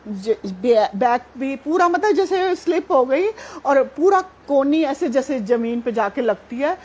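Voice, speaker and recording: A middle-aged woman sharing a devotional testimony at a satsang, chatty and animated, often laughing as she tells it. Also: sits high, unhurried. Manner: chatty, animated, laughs while telling, many fillers.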